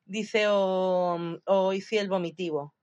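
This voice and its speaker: A woman's voice: medium pitch, steady tone, slow pace, a little mellow, dull audio. Chatty woman recapping a show. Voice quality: chatty, laughs often, retells scenes animatedly. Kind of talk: casual podcast chat recapping a series.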